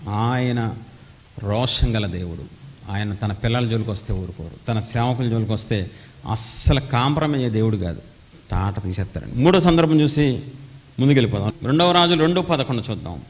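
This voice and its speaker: A man in his forties preaches with force and drama, swinging between raised and hushed delivery. His voice rings with long reverb from a meeting hall. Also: mid-range voice, lively intonation, brisk. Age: 40s. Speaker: pastor. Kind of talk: sermon.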